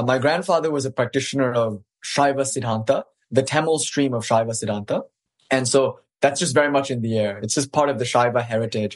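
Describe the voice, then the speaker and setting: Young guy, guest on a video call, articulate, laughs a lot. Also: mid-range voice. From Malaysia. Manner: articulate, warm, laughs often. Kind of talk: conversational interview.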